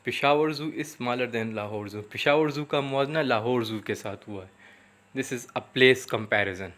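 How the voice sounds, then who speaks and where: A man teaching a grammar lesson with a Pakistani English accent, explaining each point slowly in English and then repeating it in Urdu. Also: mid-range voice, fairly bright tone. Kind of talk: classroom grammar lecture.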